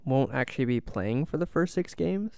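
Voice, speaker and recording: A man's voice: mid-range voice, animated, moderate pace, vocal fry, mellow, no echo, studio quality. A man co-hosting a podcast, talking casually about football picks in an upbeat, agreeable way. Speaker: podcast co-host. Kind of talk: casual sports chat.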